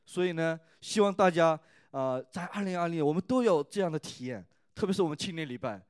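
Higher-voiced male preacher, dry sound. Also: lively intonation, fast, clean tone, no room sound. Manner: keeps asking the listeners "right?" with many "ah" fillers; retells and rereads scripture in a conversational tone. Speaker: preacher at a youth church service. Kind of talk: sermon.

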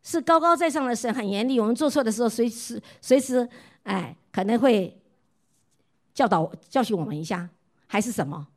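A woman's voice: fairly high pitch, animated, normal speed. Middle-aged woman from Taiwan preaching. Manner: asks the listeners repeated questions; tells stories warmly and lets her voice drop soft. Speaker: pastor's wife preaching. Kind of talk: sermon with personal testimony.

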